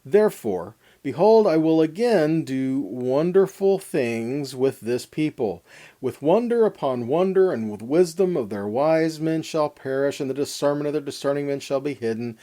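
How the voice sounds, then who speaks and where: A man with a slightly high voice, lively intonation and a dark tone teaches a weekly Torah portion lesson at normal speed. In sermon style, he reads verses with emphasis and poses rhetorical questions to his listeners.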